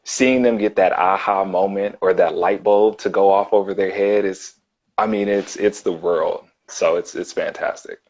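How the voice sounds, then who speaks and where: A man with a very low, deep voice talks as a counselor in a relaxed interview. He speaks earnestly and thoughtfully, with plenty of ums and restarts. The audio is dull and lo-fi. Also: normal speed. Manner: earnest, thoughtful, with frequent ums and repeated words. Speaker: licensed clinical counselor, guest. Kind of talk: casual conversational interview.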